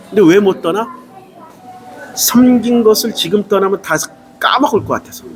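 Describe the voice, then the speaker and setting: Pastor, man, middle-aged, emphatic and emotional delivery, high voice, music bed underneath. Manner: emphatic, rhetorical questions, emotional. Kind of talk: sermon. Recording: music playing behind.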